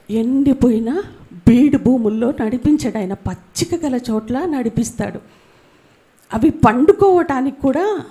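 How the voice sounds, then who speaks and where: High-voiced woman preaching a sermon. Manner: rises high and loud for emphasis, drops soft for scripture; storytelling with acted family dialogue.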